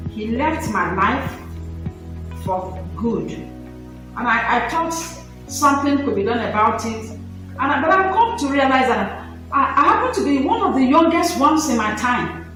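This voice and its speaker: A woman in her thirties giving an emotional, halting personal testimony, often breaking off to apologize. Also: sits high, big pitch swings, a bit bright, heavy reverb, recorded from a distance, faint music behind, poor audio. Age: 30s. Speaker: interviewee.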